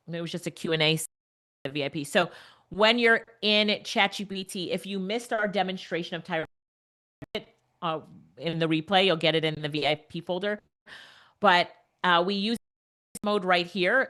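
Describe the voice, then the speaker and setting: A woman hosting a live webinar, answering questions in a chatty, animated way. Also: on the low side. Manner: chatty, animated, filler-heavy. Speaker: webinar host. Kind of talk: casual live Q&A.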